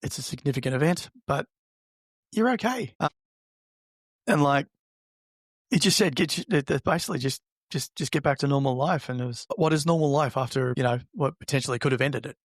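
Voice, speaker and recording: A man, an interview guest telling a personal story in a halting, reflective, conversational way, acting out remembered remarks. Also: mid-range voice, dry recording.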